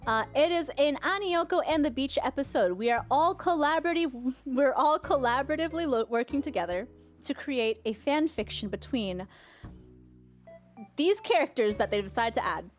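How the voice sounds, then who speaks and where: A bubbly, excitable woman with a cute anime-streamer manner, chatting casually as a livestream host and giggling often. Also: high-pitched, moderate pace. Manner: giggly, expressive, frequent exclamations. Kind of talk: casual livestream chat and reading aloud. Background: music.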